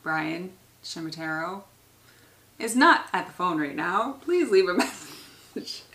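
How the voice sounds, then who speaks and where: A woman mimicking a phone voicemail greeting in a flat, formal answering-machine delivery. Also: on the low side, measured pace, background noise. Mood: mock-formal. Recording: roomy echo.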